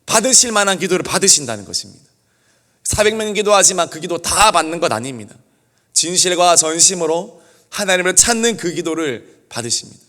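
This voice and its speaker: A man's voice: sits high, lively intonation, fairly quick, sharp tone. A man preaching an earnest early-morning sermon as pastor, with repeated pleading refrains. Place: church sanctuary. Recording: long hall reverb.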